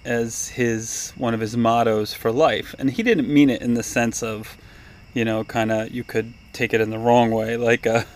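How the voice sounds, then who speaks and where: A man with a mid-pitched voice co-hosts a casual podcast. He talks haltingly and rambles as he goes. Crickets and insects can be heard in the backyard where he is recorded. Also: fairly even intonation. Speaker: podcast co-host. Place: backyard, outdoors.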